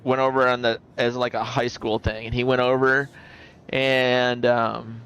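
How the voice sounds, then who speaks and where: A man's voice: mid-range voice, level tone, measured pace, fairly bright tone, clear, resonant tone, muffled recording. A middle-aged man hosting a casual gaming livestream, rambling and chuckling as he tells stories. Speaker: livestream host.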